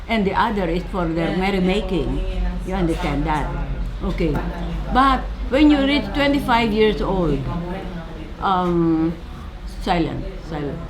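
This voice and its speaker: A Filipino woman in her seventies, a labor organizer answering interview questions in English with a Filipino accent, pausing often with fillers and repeated words. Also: mid-range voice. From Philippines. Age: 70s. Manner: halting, many fillers and repeats. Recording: crowd noise behind.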